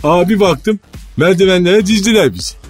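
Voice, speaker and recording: A blustering football club president in a radio comedy sketch. He tells rambling, boastful tales and flies into insulting rants in a slightly high voice. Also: expressive, moderate pace, soft background music.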